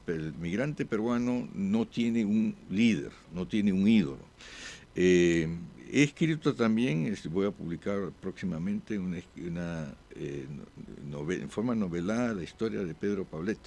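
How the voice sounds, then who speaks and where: A man speaking as a diplomat guest in an interview, with halting answers full of "eh" pauses and restarts. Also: sits low, animated, darkish tone. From born abroad.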